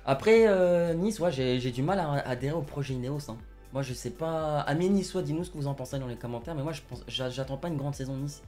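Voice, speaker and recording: A man's voice: medium pitch, fast talker, hardly any pauses, a little mellow, soft background music. A young man co-hosting a casual football chat, giving his opinions with many hedges. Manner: opinionated, hedging with "je pense". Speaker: football channel co-host.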